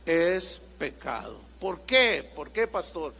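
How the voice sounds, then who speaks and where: A pastor preaching a sermon, asking rhetorical questions and acting out little dialogues. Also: male voice, a little high, very animated, slow, gravelly, sharp tone, breathy edge. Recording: reverberant church hall.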